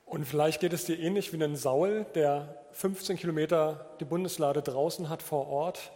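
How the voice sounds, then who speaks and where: A man's voice: fairly high pitch, moderate pace, darkish tone. A man preaching a sermon in an informal, explanatory manner, using an everyday object as an illustration. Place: church hall. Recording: reverberant church hall.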